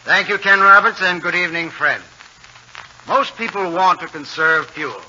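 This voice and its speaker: Old 1940s radio ad guy, high sharp voice, precise and instructive, muffled. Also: lively intonation, normal speed, a little hiss or hum. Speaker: advertising spokesman. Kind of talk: scripted 1940s radio commercial.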